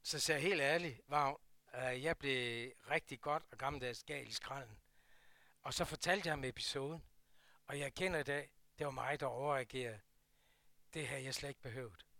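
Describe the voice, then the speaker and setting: An older man with a Jutlandic Danish accent telling a personal story from his working life, swinging between loud bursts and hushed asides. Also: medium pitch, gravelly, no echo. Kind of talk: personal anecdote.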